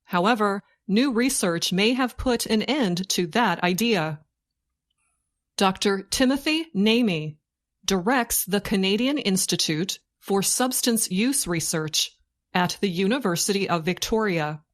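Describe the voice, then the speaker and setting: A woman narrates a scripted news report for learners slowly and deliberately, in short phrases with pauses, like a dictation. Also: medium pitch, lively intonation. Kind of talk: slow scripted learning-English news reading.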